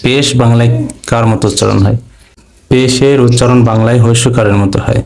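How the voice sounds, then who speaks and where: A man's voice: medium pitch, fairly even intonation, a little fast, vocal fry, a little mellow, rough recording. A man teaching Quran reading step by step, patiently spelling out each letter sound one at a time. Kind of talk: slow step-by-step lesson.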